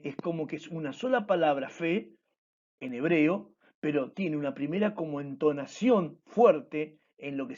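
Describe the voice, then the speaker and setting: A man teaching a recorded online church class, explaining slowly and repeating key words. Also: on the high side, darkish tone. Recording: dull lo-fi recording.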